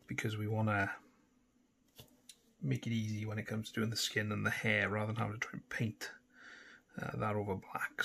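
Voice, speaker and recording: Welsh guy walking you through painting minis, husky gravelly voice, laid back with lots of uhs. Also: fairly low pitch. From Wales. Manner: relaxed, self-deprecating, with frequent fillers. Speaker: painting tutorial host. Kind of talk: casual instructional talk.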